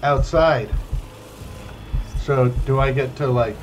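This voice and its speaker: A young man giving casual, wry, deadpan let's play commentary on a video game. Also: mid-range voice, slow. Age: young adult. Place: small room indoors. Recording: band-limited, dull webcam-setup audio. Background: faint game music.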